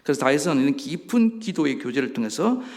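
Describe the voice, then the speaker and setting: A man preaching a sermon as a pastor, animated, acting out voices and asking the congregation questions. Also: a little high, fast. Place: church sanctuary. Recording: church hall reverb.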